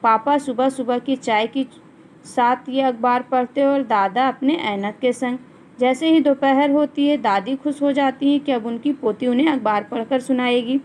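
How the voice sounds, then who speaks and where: A woman teacher with a high, light voice leads an online lesson. She reads verse lines at an unhurried pace and then talks through their meaning simply. A faint hiss sits under the recording. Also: darkish tone, rough recording. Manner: recites verse lines slowly, then explains them plainly. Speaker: Hindi teacher. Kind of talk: online class lesson, explaining a poem.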